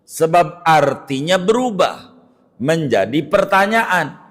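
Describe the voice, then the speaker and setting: A man's voice: fairly high pitch, sing-song, slow pace, a bit bright. A middle-aged man, a cleric giving a religious study lecture, who draws out recited phrases to demonstrate them and corrects mistakes emphatically. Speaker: Islamic cleric teaching jurisprudence.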